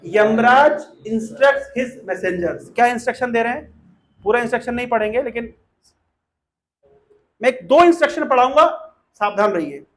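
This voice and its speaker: A man giving a devotional talk who explains scripture, asks the audience questions, chants slowly and reads translations. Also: very high-pitched, a bit bright. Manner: explanatory, asks the audience questions and leads call-and-response recitation. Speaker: preacher.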